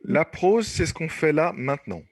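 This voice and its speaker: A man's voice: on the high side, animated, moderate pace, slight background noise. A man teaching an online class, explaining patiently and repeating points with many fillers. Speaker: French teacher.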